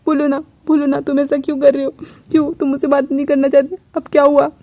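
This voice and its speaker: A woman's voice: sits high, flat delivery, fast, warm tone. A woman voicing a tearful, clingy young man who pleads with stammered repeats. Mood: distraught. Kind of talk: fan fiction storytelling.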